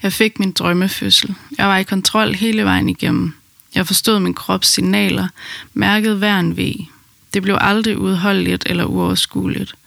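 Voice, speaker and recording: A woman calmly narrating her own birth story in the first person, in an intimate storytelling manner. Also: mid-range voice, gravelly, dry recording.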